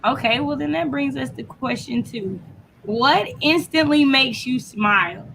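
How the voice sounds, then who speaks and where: Woman host, casual chat, bright tense voice, fairly high, faint background hiss. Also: lively intonation, a little slow, vocal fry, poor audio. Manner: upbeat, reads viewer comments aloud. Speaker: host of crochet livestream.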